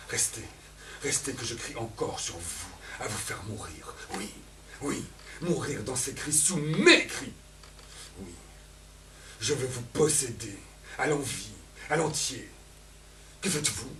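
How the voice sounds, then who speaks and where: A man's voice: medium pitch, very animated, takes it slowly, pauses often, a bit bright. Elvire, a scorned lover crying out , as a man puts her on. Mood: raging. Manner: impassioned, cries out in long outbursts. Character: Elvire, a scorned woman lover, desperate and raging. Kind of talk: theatrical stage declamation. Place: theatre stage. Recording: echoey theatre, voice from far off.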